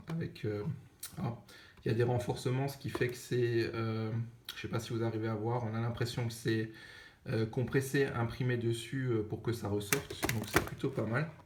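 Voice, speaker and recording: A young man with an Alsatian French accent, hosting a casual unboxing video and chatting with lots of fillers and self-corrections. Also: mid-range voice. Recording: echoey room with faint noise.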